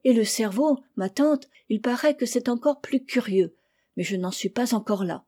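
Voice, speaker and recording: A woman voicing an eager, curious young girl in an audiobook reading, speaking with lively enthusiasm. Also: a little high, normal speed, pitched above the performer's own voice. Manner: enthusiastic, animated.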